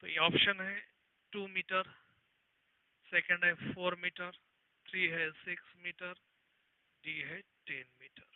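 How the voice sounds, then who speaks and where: A man with a high voice teaches physics in an online exam-prep lesson. He reads each question out slowly, word by word, then explains it in a quick run. The sound is thin and tinny, like a phone line, and dry and close. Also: steady tone, no echo.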